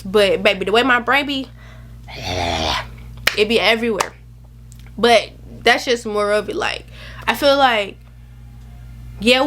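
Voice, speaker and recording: Recorded on a camera mic with a little hiss or hum, a woman in her early twenties speaks in a medium-pitched, slightly bright voice. As a vlogger facing the camera, she gives casual, slang-heavy advice in a rambling, emphatic, chatty style.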